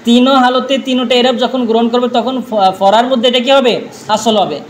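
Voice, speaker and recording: Male teacher, very high voice, drills by question and answer, faint background noise. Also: steady tone, moderate pace. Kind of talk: classroom grammar lesson.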